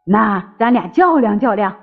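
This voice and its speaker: A woman's voice: mid-range voice, animated, measured pace, vocal fry. A woman voicing a huge, fierce old bearded demon who roars threats, in a storybook reading. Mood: challenging. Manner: roaring, threatening. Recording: slightly dull with faint music.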